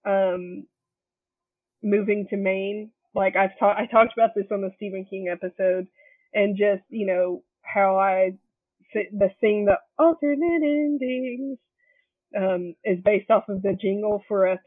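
A woman's voice: medium pitch, steady tone, unhurried, no echo. A woman co-hosting a podcast in casual, rambling chat, laughing often, her voice tinny over a poor internet connection. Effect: tinny sound over a poor internet connection. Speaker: podcast co-host. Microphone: remote call over home internet. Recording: tinny, dry remote internet call.

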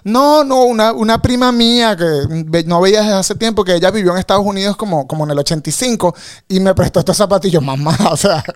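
A man's voice: high-pitched, quick pace. A man, telling funny stories in casual chat as a co-host. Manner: joking storyteller.

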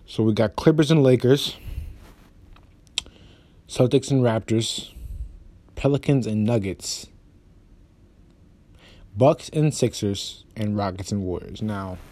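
A man hosting a casual basketball podcast, rambling with lots of fillers and restarts, and quick in delivery. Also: on the low side, warm tone. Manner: talks fast, says so himself. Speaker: podcast host. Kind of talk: casual sports podcast talk.

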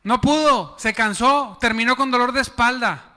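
A man's voice: extremely high pitch, normal speed, sharp tone, big-room sound. A man preaching a sermon as pastor, chatty and often asking the congregation questions. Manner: conversational, asks the congregation questions. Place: church.

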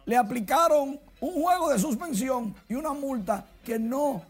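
Casting: high, husky-voiced man, animated sports presenter. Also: a little slow. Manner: lively, excited play-by-play delivery. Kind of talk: sports news segment.

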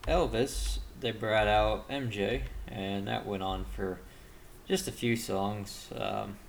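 A man chatting casually, recounting a show in a measured way. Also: lowish voice, steady tone, creaky, slight background noise. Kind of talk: casual chat.

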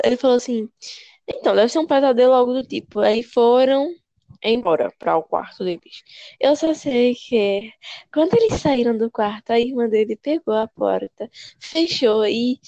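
A young Brazilian woman with a slightly high voice tells creepy stories in a casual podcast chat. She talks in an animated, slangy way and repeats words for emphasis. The sound is close and dry. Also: dry recording, highs cut off. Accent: Brazilian Portuguese. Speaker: podcast co-host.

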